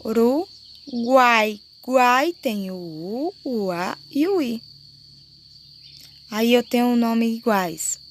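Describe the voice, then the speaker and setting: Brazilian lady teacher, going real slow and patient, crickets chirping faintly behind. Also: a little high, darkish tone, a little hiss or hum. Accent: Brazilian Portuguese. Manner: slow, explanatory, checks understanding with "né?" and "certo?". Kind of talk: recorded class lesson.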